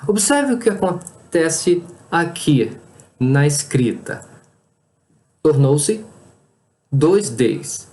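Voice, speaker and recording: A patient teacher explains a language lesson. The pace is slow and unhurried, with a very lively pitch. Each word in a list gets its own clear beat. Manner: spells out word lists one word at a time. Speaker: English teacher.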